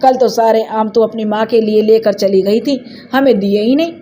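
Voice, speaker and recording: A mischievous village girl, voiced by a woman telling the story, teasing and grumbling at her friend. Her voice is a little high and mellow. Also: steady tone, normal speed, slight background noise, natural voice. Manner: teasing, complaining.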